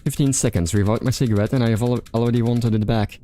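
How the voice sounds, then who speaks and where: A man's voice: medium pitch, fairly even intonation, fast, warm tone. A male streamer reading a visual novel aloud, restarting stumbled words and chatting casually about the game. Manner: stumbling rereads, casual fillers.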